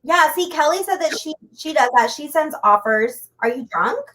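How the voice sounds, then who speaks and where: Female podcast co-host, high bright-pitched voice, chatty, loose casual delivery. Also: lively intonation, normal speed. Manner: chatty, full of "like" fillers. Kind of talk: casual chat.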